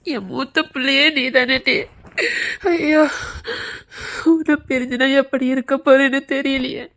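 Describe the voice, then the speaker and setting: Woman acting a sobbing middle-aged friend, Tirunelveli Tamil accent, very high voice, over-the-top wailing, comic skit. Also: steady tone, measured pace, fairly bright tone. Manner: melodramatic wailing lament. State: crying.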